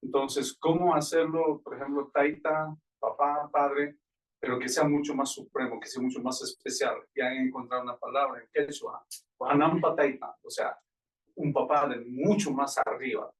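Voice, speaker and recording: A man's voice: medium pitch, steady tone, normal speed, distant mic, low-quality recording. A man from the congregation sharing in a church discussion, conversational and full of hesitant fillers. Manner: conversational, filler-heavy with este. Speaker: congregation member. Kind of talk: church Q&A talk.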